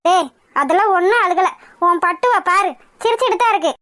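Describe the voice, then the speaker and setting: A woman's voice: very high-pitched, fairly quick, pushed and bright, no echo, studio quality. A woman voicing a fretful old grandmother in a village cartoon, who scolds her son and frets over the baby. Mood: scolding. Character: worried old grandmother, fond and fussing.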